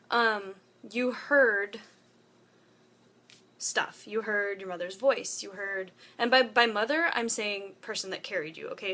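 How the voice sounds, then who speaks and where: A young woman vlogs casually into a propped-up phone in a room at home. Her tone is bright and forward. She rambles and wanders into asides, filling the gaps with lots of ums and likes. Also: mid-range voice. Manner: chatty, rambling with many fillers and asides. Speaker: vlogger. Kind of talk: casual talk to camera. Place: room at home with a window open.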